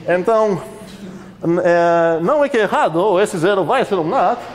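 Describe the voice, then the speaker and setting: A man's voice: sits high, expressive, moderate pace. A man lecturing a university class in a conversational way, questioning the students often, with many fillers.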